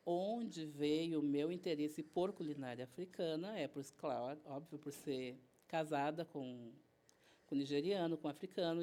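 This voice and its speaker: In a casual interview, a woman chef with a southern Brazilian Portuguese accent chattily retells events, acting out the dialogue as she goes. Her voice sits low and sounds mellow.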